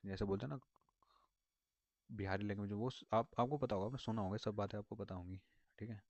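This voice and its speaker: Talking a little fast, a man with a low-ish, darkish voice rambles casually through a vocabulary lesson, repeating himself, looping back, and filling gaps with fillers. The audio is dry, dull, and lo-fi, without echo.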